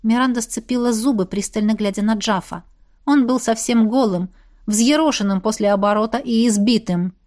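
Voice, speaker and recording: A woman narrating a fantasy romance audiobook in an even storytelling manner. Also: fairly high pitch, normal speed.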